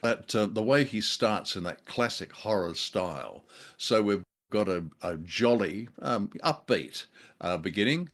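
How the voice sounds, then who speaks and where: A man co-hosts a relaxed podcast review, his voice sitting somewhat low. He talks in a wry, unhurried way and chuckles at his own remarks. It is an easygoing discussion between two hosts. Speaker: podcast co-host.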